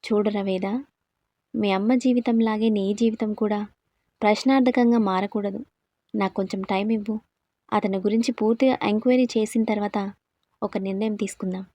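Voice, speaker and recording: A caring, protective older brother in a spoken storybook, calm and reassuring, as a woman narrator reads him. The voice is mellow and sits close and dry. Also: high-pitched, moderate pace, long pauses, dry recording.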